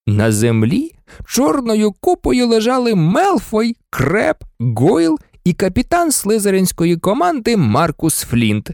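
A narrator reading a children's fantasy story aloud, dramatic and lively, switching into many character voices. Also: mid-range voice, gravelly, dry recording, studio quality. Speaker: audiobook narrator.

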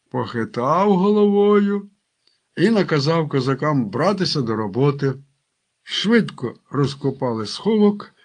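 Man narrating a Cossack adventure tale. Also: on the high side. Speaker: storyteller. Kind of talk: audiobook narration with character quotes.

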